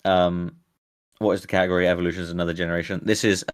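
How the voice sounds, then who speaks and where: A man with a low voice hosting a live stream, rambling casually and laughing easily. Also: level tone, fast, clear, resonant tone. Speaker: streamer host. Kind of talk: casual chat.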